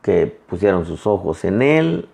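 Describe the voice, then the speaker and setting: A male pastor preaching a sermon in a conversational way, often calling his listeners brother and retelling conversations in lively quoted voices. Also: low voice, a little slow, vocal fry.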